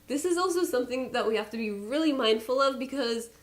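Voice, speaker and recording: A woman's voice: sits high, expressive, quick pace. A young woman beauty vlogger chatting casually to her viewers, candid and playful with self-mocking asides. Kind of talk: casual chat to camera.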